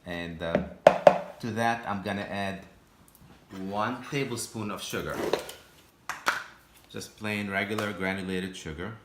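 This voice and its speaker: A man giving a patient, step-by-step cooking demonstration in his home kitchen, often pausing and restarting his sentences. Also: on the low side, very noisy. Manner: halting, patient step-by-step explaining with frequent restarts. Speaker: home cook. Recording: echoey kitchen room.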